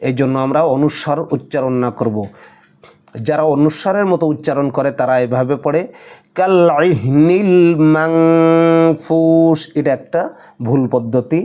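A man with a Bangladeshi accent teaching tajweed. He explains each rule briskly, then recites the Arabic phrases slowly and drawn out. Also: medium pitch, dark tone. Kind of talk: tajweed lesson alternating explanation and slow recitation.

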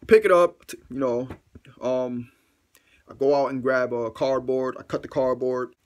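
Speaking at a normal speed, a young man tells a casual story about something going wrong at home for his vlog. He's slangy, profane and self-mocking, acting out his reactions and breaking into sudden loud, high squeals.

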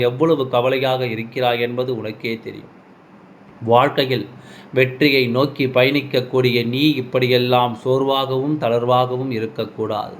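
A man's voice: medium pitch, slight background noise. A man giving a devotional message in the voice of the goddess, speaking solemnly and addressing the listener directly as her child.

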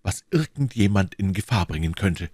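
A man's voice: deep voice, expressive, normal speed, a little mellow, slightly rough, dry recording, studio quality. A man voicing a bold, devoted young swordsman in an audiobook, eager and declamatory. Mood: ardent. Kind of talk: audiobook reading, acted dialogue.

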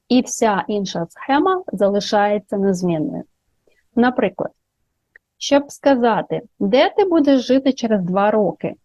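A woman's voice: medium pitch, dark tone, no room sound. Female language teacher, patient and careful with examples; dry, slightly muffled recording. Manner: slow, careful modelling of English examples. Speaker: English teacher. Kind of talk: grammar lesson for Ukrainian speakers.

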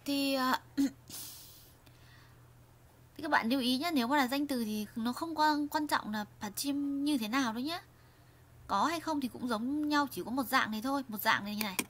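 A woman's voice: sits high, moderate pace, long pauses, fairly bright tone. A woman teaching a grammar lesson, often restarting phrases and asking her viewers questions. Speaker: Korean language teacher.

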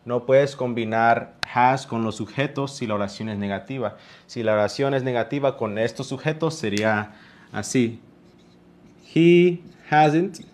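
A man's voice: medium pitch, a little hiss or hum. A male English teacher with a Mexican Spanish accent, patiently explaining grammar in a live online class and drawing out his examples.

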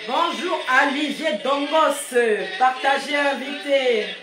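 A high-pitched woman runs a casual live stream, greeting viewers and scolding them in a bossy, teasing way. Her voice rings in an echoey room while loud music plays under her talk. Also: slow.

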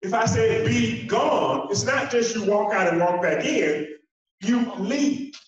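High-voiced man giving an echoey keynote. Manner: emphatic, repetitive rhythmic phrasing with dramatic pauses; walks the stage while speaking. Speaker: keynote speaker. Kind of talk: motivational keynote speech. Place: large conference hall stage. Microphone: handheld mic heard through a distant camera. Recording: echoey hall from far off, dull sound.

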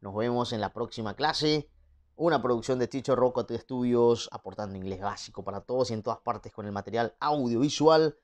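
A young man with a Paraguayan Spanish accent teaching an online English lesson, sounding out English words slowly and translating each one into Spanish. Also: mid-range voice.

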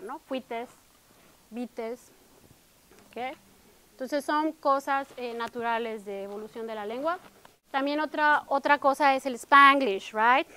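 A woman's voice: high-pitched, fairly bright tone, clear, resonant tone. A middle-aged Mexican woman with a Mexican Spanish accent, giving an academic workshop talk, switching between Spanish and English and often tagging her sentences with a question. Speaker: workshop presenter.

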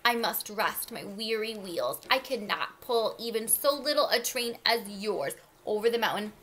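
A woman voicing a tired, rusty old steam engine in a storybook, sighing, slow and resigned. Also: on the high side, a bit bright, a little hiss or hum, close to an everyday voice. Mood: weary, defeated. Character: weary old rusty steam engine, defeated and self-doubting.

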